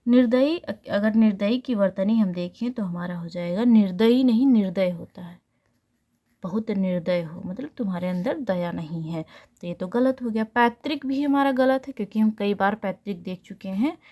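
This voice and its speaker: A woman's voice: medium pitch, moderate pace, warm tone. Woman tutor quizzing herself aloud. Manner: repeats answers, asks and answers her own questions. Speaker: Hindi exam tutor. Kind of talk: explanatory online lesson.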